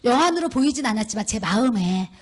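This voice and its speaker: High, husky-voiced Korean woman preaching. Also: animated, fast talker. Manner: storytelling, acts out quoted speech with rising emphasis. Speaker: pastor's wife preaching. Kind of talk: sermon.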